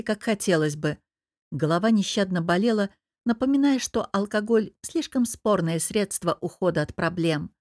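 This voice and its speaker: A woman reading a first-person audiobook in an even, measured storytelling voice. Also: mid-range voice, no room sound, studio quality. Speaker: audiobook narrator.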